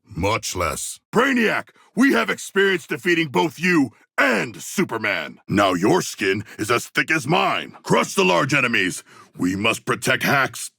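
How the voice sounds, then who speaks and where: Game creature role: massive shark-man warrior, rough gravel and hard edge, dry close sound, solemn formal phrasing, proud and sincere. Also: medium pitch, very animated, measured pace, sharp tone, no room sound, heavily acted. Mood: battle-ready, forceful. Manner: stilted formal diction, earnest, declamatory. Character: huge humanoid shark warrior, formal, earnest, proud and literal-minded. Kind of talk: video game character voice lines.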